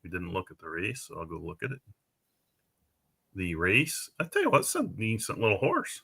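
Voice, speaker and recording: A man with a strikingly bright, forceful tone gives casual live commentary. His voice sits a little low. He chats freely, thinks out loud and often trails off mid-sentence. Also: huge pitch swings, normal speed, creaky, breathy edge.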